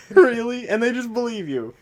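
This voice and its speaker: A man co-hosting a podcast in casual chat, joking and often laughing through his words. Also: very high voice. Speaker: podcast co-host.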